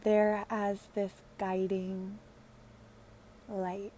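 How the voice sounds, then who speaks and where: A woman leads a meditation at a medium pitch, her voice mellow and relaxed. She talks very slowly and gently, hushed and soothing, leaving long pauses between phrases, with a faint noise in the background.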